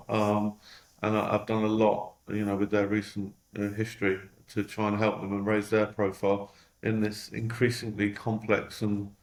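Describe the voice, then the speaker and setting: A company chief from London gives candid, thoughtful answers in an interview, peppered with "um" and "you know." His pitch is fairly low, and the recording is rough.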